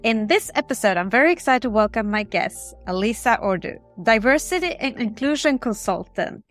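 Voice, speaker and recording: Fairly high-voiced woman podcast host. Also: animated, normal speed, a bit bright, faint music behind. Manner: formal, reads prepared questions. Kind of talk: scripted podcast hosting.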